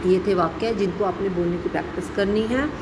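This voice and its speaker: A woman's voice: medium pitch, fairly quick, background noise. A woman teaching a Hindi lesson to young children, patiently repeating sounds and asking questions. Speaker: primary school Hindi teacher. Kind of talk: slow classroom lesson addressing children.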